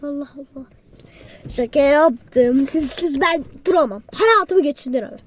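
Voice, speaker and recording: A woman vlogging from inside a car, chatting to her viewers in a loud, teasing and crude way, with sudden yells and mumbled asides. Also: high voice, unhurried, background noise. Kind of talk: casual vlog chat to viewers.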